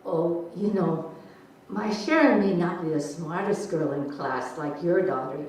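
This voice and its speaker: A woman's voice: fairly low pitch, expressive, a little slow, darkish tone. A woman playing a proud, fussy Japanese American mother in a staged reading, with a pointed, emphatic delivery. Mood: humblebragging. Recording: echoey hall, distant mic, faint noise.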